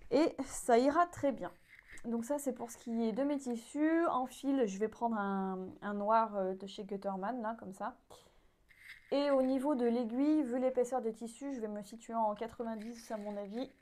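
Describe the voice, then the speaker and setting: A woman's voice: on the high side, moderate pace, a little mellow. A woman hosting a sewing vlog, talking casually and candidly with frequent hesitations as she gives a critical review. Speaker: sewing channel host.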